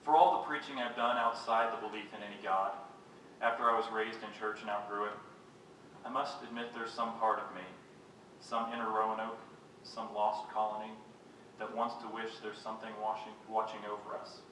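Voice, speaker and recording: A man reads his own poems aloud at a live reading, measured and unhurried, with dry, self-mocking quips between pieces. His voice sits a little low but sounds bright and forceful. It is picked up from a distance in a very echoey room over a faint background hum. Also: flat delivery. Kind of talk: live poetry reading with joking asides. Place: reading venue with a live audience.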